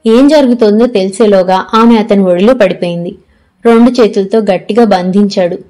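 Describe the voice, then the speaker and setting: Woman reading an audiobook novel, steady expressive storytelling. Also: mid-range voice, moderate pace, poor audio. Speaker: narrator.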